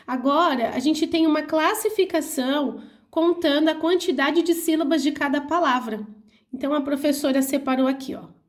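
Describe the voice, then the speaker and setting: High-pitched Brazilian woman teacher. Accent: Brazilian Portuguese. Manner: slow, clear, didactic, spelling out syllables. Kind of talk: reading and explaining a school workbook.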